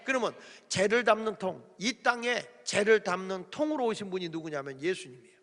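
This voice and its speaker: A man's voice: sits high, expressive, fairly quick, fairly bright tone, long reverb tail. A man preaching a folksy, humorous revival sermon in a church sanctuary, calling on the congregation to repeat after him.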